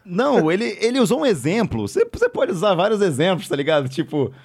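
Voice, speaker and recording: A man's voice: high-pitched, wildly swooping pitch, fast, gravelly, a little mellow, husky. A man with a Brazilian Portuguese accent hosting a podcast in casual, joking chat, swearing freely. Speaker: podcast host.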